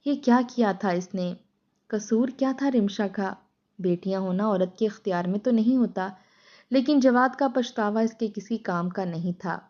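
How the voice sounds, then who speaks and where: A woman's voice: mid-range voice, darkish tone, highs cut off. A woman narrating a scripted sad story in a somber, moralizing manner.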